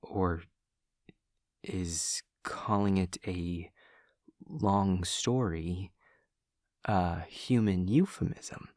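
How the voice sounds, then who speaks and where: For an intimate audio roleplay, a man with a deep voice plays a demon classmate who is awkward, earnest and literal-minded. He speaks formally and precisely, with hesitant pauses, in studio-quality audio with no echo.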